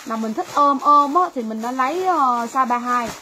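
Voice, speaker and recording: High-pitched woman doing a live sale, chatty, repeats herself a lot, bit of background noise. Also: expressive, normal speed, pushed and bright, poor audio. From Vietnam. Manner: chatty, repeats phrases to viewers. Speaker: livestream seller. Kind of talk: livestream sales pitch.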